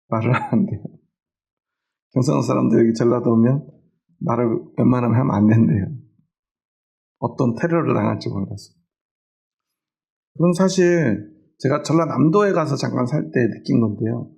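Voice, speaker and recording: A man's voice: mid-range voice, gravelly, warm tone. A middle-aged male pastor preaching a sermon in a conversational way, often asking the congregation questions.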